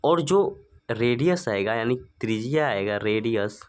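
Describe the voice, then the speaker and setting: A man teaching a maths lesson, slowly working through a problem step by step and asking himself rhetorical questions. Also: medium pitch, animated, clear, resonant tone. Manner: asks rhetorical questions and answers them; slow, stepwise working-through.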